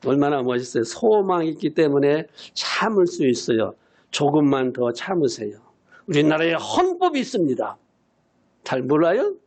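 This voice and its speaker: This senior pastor, a man in his eighties, delivers a sermon in a slightly high, sing-song voice at a moderate pace. He hammers home key phrases by repeating them and now and then erupts into shouting.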